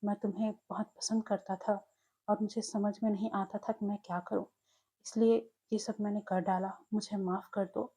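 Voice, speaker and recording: A woman voicing a shy young man who apologizes softly, stammering. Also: mid-range voice, flat delivery, moderate pace, slightly rough, close to an everyday voice. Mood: apologetic.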